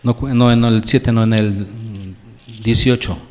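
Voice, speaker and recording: A man's voice: mid-range voice, steady tone, a little slow, a little mellow, in a large hall. A male pastor preaching a sermon, putting questions to his congregation and answering them himself. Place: church.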